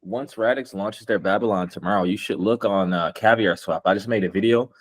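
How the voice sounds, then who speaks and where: Guy with a lowish voice talking crypto like a cocky bro, slangy, bragging, super casual. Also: brisk. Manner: bro-ish, slangy, confident boasting. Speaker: crypto investor and video maker. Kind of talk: casual chat about crypto investing.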